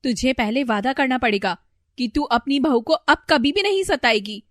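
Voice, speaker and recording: A defiant, sharp-tongued young daughter-in-law in a storybook cartoon, as a woman plays her. Her voice is high and lively, and she talks loud and commanding. The sound is close and dry. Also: normal speed, no echo. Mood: defiant scolding.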